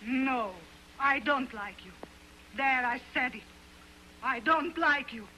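An actress in an early sound film playing a frightened young wife who pleads in distress. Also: female voice, sits high, takes it slowly, bright, forceful tone, slight background noise, heavily acted, rough recording. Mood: firm.

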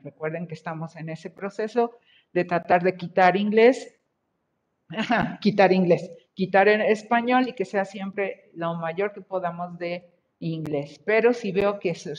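A woman teaching an online English class, switching between Spanish and a Mexican-accented English, encouraging her students and slowly repeating their answers. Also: on the low side, darkish tone, slight background noise. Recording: dull lo-fi video call audio.

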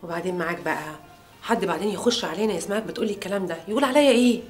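A woman playing a coy, fast-talking nurse. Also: mid-range voice, faint music behind, close to an everyday voice. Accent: Egyptian Arabic. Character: coy young Egyptian nurse.

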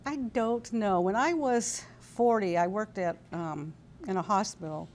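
A woman in her sixties reminisces with casual hesitancy as a guest in a TV studio interview, seated indoors at a desk. She's from California and has an American accent; her mid-range, darkish voice is a little slow. A lapel mic records her, with slight background noise.

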